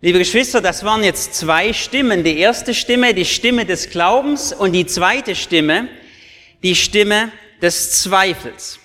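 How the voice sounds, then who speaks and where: Slow-speaking male pastor in reverberant church. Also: high voice, sharp tone. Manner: earnest, emphatic, addresses listeners directly. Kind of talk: sermon to confirmands.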